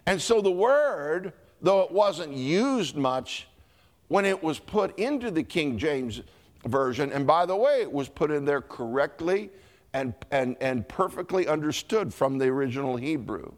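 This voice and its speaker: Man, pastor, Southern US accent, sermon, slightly high voice, drawn-out emphatic phrasing. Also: animated. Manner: emphatic preaching, stretches key words, repeats himself.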